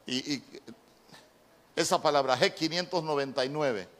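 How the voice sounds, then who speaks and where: A male pastor preaching a sermon, slow and deliberate, repeating key words as he teaches from the Bible. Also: on the high side, fairly bright tone. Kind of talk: sermon with Bible word study.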